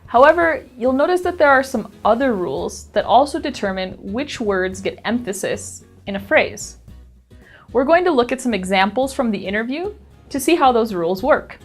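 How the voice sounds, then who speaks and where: A woman with a fairly high voice narrates a scripted English lesson. She speaks clearly and at a measured pace, stressing the key words. Faint music plays underneath. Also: animated. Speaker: instructor.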